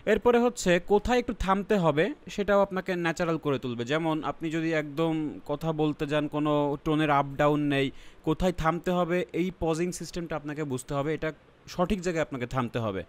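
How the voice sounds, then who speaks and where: A man's voice: a little high, normal speed. A man with a Bangladeshi accent teaching an online exam-prep lesson, explaining step by step, mixing English terms into his talk and often checking that students follow. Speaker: IELTS teacher.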